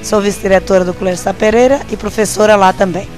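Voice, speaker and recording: A woman from Angola with a Portuguese accent, a teacher giving a chatty self-introduction with pauses and self-corrections. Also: medium pitch, fairly even intonation, darkish tone, faint music behind. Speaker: English teacher.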